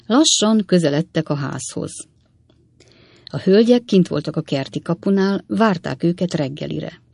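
A woman narrating an audiobook in a measured, expressive reading. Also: fairly low pitch, creaky, husky, no echo.

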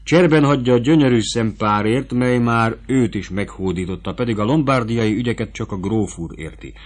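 A man's voice: mid-range voice, close to an everyday voice. A man reading as a fawning, scheming court prosecutor. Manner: wheedling and eager to bargain.

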